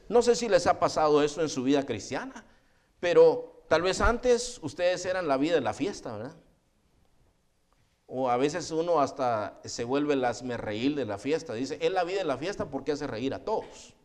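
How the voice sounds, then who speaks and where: Animated pastor preaching. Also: male voice. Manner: animated, often addressing listeners as "hermano"; acts out quoted voices with rising pitch. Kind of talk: sermon.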